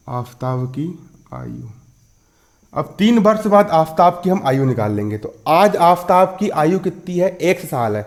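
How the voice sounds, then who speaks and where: In a school maths lesson, a man in his twenties with a fairly high voice breaks down every step. He returns to key phrases often, asks questions only to answer them himself, and keeps checking that pupils follow.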